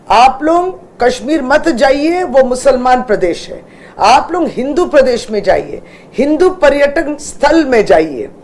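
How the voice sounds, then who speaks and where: High-voiced woman minister, indignant and accusatory at the press. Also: darkish tone, slight background noise. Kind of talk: press statement.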